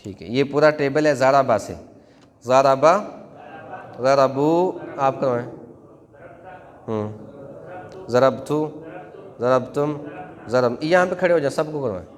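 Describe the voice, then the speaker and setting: A man's voice: mid-range voice, measured pace, pauses often. A man teaching a Quran class in a mosque, chanting verb conjugations in a rhythmic classroom drill. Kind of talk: classroom Arabic grammar drill. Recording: long hall reverb.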